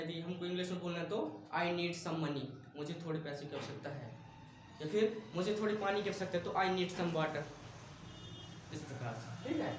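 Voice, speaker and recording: A male English teacher giving a patient vocabulary lesson, explaining each word with simple examples and short check-ins after every point. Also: high voice. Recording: very echoey room, distant mic, faint noise.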